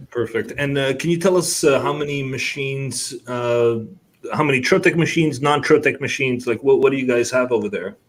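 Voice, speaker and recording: A man's voice: medium pitch, moderate pace. A man hosting a podcast over a video call, asking questions in a friendly, upbeat way. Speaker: podcast host. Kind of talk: casual video-call interview.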